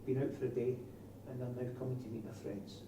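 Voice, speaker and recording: A Scottish man with a broad accent trains door supervisors, quizzing his class in a mid-range voice that stays flat and moves quickly. The mic sits far off in an echoey room with faint noise.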